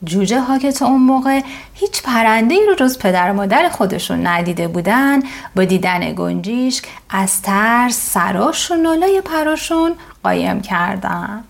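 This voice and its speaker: A woman narrating a bedtime story for children, reading in a gentle, expressive storybook way. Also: a little high, creaky.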